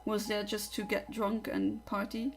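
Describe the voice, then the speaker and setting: A chatty young Luxembourger whose first language is Luxembourgish hosts a casual livestream, rambling and offering opinions. Her medium-pitched voice is sing-song and measured, with soft music in the background.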